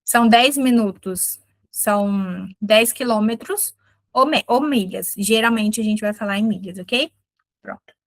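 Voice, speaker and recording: Speaking with a Brazilian Portuguese accent, a woman teaches an English lesson, patiently explaining and saying English example phrases slowly and clearly. Her voice is mid-range, and there's no room sound.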